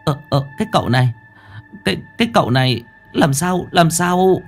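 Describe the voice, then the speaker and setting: A man's voice: a little high, animated, normal speed, faint music behind, voice pushed up. A man voicing a frightened middle-aged woman scrap collector, stammering as she pleads for help. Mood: panicked, pleading. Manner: stammering, panicky.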